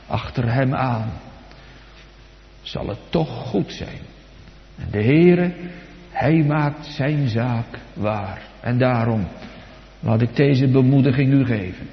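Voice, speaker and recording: A man preaching a sermon, dramatic and swinging between soft and loud, putting direct questions to his congregation. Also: mid-range voice. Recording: echoey hall, dull lo-fi sound.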